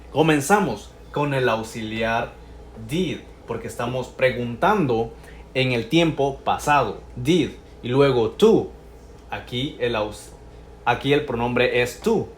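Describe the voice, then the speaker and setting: Male language teacher, slow and patient, repeats examples word by word; echoey room, faint hum behind. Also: mid-range voice. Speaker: English teacher. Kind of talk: explaining Spanish-to-English grammar lesson.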